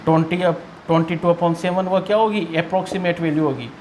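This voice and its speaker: In lesson style, an Indian man explains maths, asking and answering his own questions and going over key points again. He speaks with a fairly high pitch, fairly even intonation and a darkish tone, a little fast. Slight background noise is audible.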